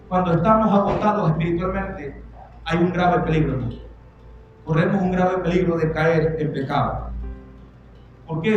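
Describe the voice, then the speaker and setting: A man's voice: high voice, lo-fi sound. A man preaching a sermon as pastor, emphatic, repeating his points and calling out to the congregation. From Venezuela. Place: church. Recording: echoey church hall with music behind.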